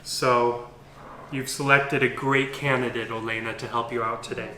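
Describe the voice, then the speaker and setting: A man's voice: mid-range voice, flat delivery, moderate pace, sharp tone. A man co-hosting a food challenge, chatting casually in a playful, jokey way. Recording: echoey room, faint background noise.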